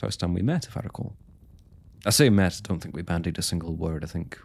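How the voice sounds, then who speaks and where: In a low, fast, creaky and slightly mellow voice, a man plays a young royal blacksmith in an intimate fantasy roleplay, addressing the listener with courtly, hesitant, old-fashioned phrasing. The character is smitten, forthright and a proud working man, and the mood is wry and reminiscing.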